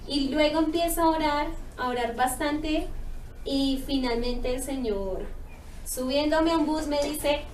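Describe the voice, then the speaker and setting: A woman's voice: high voice, a little slow. A woman giving a heartfelt personal testimony, telling her story earnestly and acting out the dialogue. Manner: earnest, emotional storytelling with lively quoted dialogue. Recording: echoey room, mic far off, faint noise.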